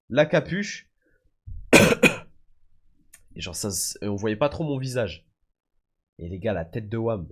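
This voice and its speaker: Young french guy on a live stream, lowish voice, slangy and loose, chatting to chat. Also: fairly bright tone. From France. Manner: slangy, addresses viewers as "les gars" and "frère". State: often sick. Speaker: livestreamer. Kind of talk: casual storytelling chat.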